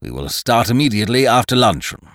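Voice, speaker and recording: A man voicing a stern, pompous older gentleman who speaks slowly and formally. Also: medium pitch, big pitch swings, no room sound, clean studio sound. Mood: disapproving. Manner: slow, ponderous, formal. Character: stern pompous older male nerve doctor.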